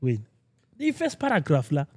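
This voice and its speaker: A man hosting a casual podcast, animated and teasing, slowing down to read headlines aloud. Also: on the high side, dry recording. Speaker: podcast host. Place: lounge podcast set.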